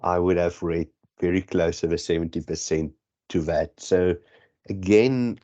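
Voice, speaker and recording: Heard on dull, lo-fi audio, a man with a South African accent and Afrikaans as his first language coaches a student through statistics for an exam. He wanders and corrects himself in a deep, warm, steady voice at an unhurried pace.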